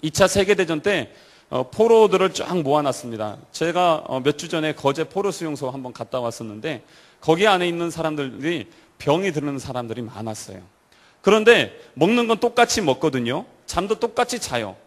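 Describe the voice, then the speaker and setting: Man, pastor, youth sermon, fairly high voice, storytelling, asks the room questions. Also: animated, brisk. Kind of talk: sermon to a church youth service.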